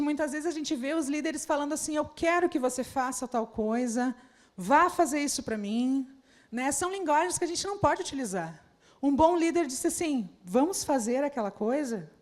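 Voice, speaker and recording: A woman's voice: sits high, a little mellow. A woman preaching to church leaders at a conference, speaking straight to her listeners with many rhetorical questions. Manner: addresses the audience directly with rhetorical questions. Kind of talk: sermon.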